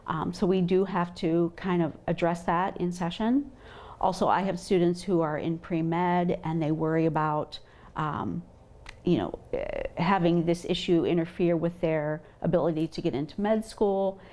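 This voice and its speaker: Low-pitched woman counselor in interview. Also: fairly even intonation, a little slow, a little mellow. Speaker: university mental health counselor. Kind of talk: interview answer.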